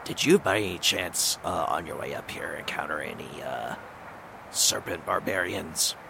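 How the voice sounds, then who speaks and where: A man voicing a sly male wizard in a tabletop game, speaking in a drawling, gravelly manner with coy hints. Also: sits low, normal speed, background noise.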